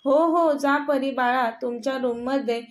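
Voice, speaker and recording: Woman doing a caring middle-aged mother-in-law, anxious, high voice, audio story. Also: unhurried. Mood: worried. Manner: anxious, affectionate.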